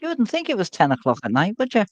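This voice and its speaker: A man's voice: high-pitched, wildly swooping pitch, fast, no room sound, muffled recording. A British man in casual chat, making dry joking asides. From Britain.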